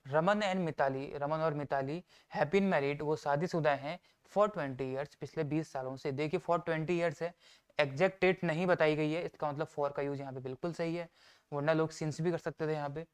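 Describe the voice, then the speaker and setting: A man teaching an exam-prep grammar lesson, explaining step by step, reading example sentences out slowly and answering his own questions. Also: a little high, fairly even intonation, clear, resonant tone. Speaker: English teacher.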